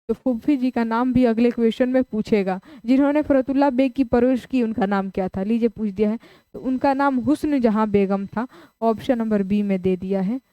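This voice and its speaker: Brisk teacher, smooth mellow higher voice. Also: female voice, dry recording. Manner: brisk, repeats options and answers aloud; prompts students to answer in the chat. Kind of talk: live online exam-prep class.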